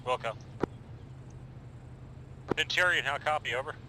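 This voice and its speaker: A man's voice: medium pitch, unhurried, background noise. A man relaying clipped, formal call-sign messages over a walkie-talkie radio. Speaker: player on team radio. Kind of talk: military radio procedure.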